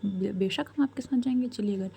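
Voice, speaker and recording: A woman voicing a calm, commanding royal grandmother who gives measured, firm advice. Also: medium pitch, creaky, a little hiss or hum, natural voice. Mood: firm counsel.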